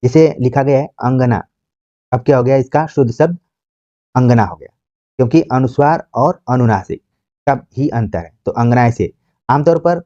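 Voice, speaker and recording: A man's voice: mid-range voice, moderate pace, mellow, no echo, lo-fi sound. A man teaching Hindi spelling for exams, patiently repeating examples and asking rhetorical questions. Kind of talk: exam-prep grammar lecture.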